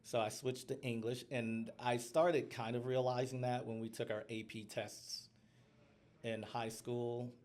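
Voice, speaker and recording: A man's voice: mid-range voice, level tone, a little slow, darkish tone. A man guesting on a podcast, talking candidly in casual chat, often laughing and acting out quotes.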